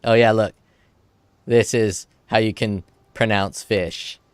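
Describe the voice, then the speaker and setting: A man's voice: on the low side, steady tone, slow pace, clean tone, dry recording. A man streaming, giving casual reaction commentary on a video, profane and enthusiastic, on a close microphone.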